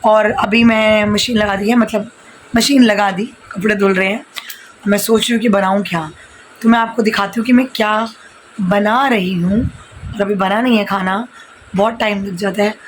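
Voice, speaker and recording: A woman in her thirties, slightly hoarse, chatting casually through a home vlog while cooking in her kitchen, holding her phone in one hand. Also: medium pitch, fairly even intonation, moderate pace, a little hiss or hum, low-quality recording. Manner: chatty, mixing Hindi with English phrases. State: hoarse from shouting. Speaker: vlogger and home tutor. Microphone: handheld phone.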